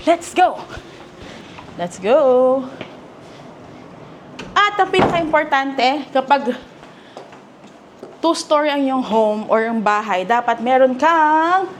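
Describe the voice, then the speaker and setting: A woman with a Filipino accent hosting a house tour, chatty and enthusiastic, exclaiming often as she walks through rooms. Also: on the high side. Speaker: property tour host.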